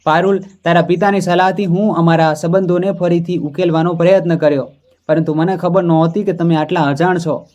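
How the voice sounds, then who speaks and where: A man voicing an earnest young husband who is insistent and quick to anger. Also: a little high, steady tone, darkish tone, lo-fi sound, natural voice.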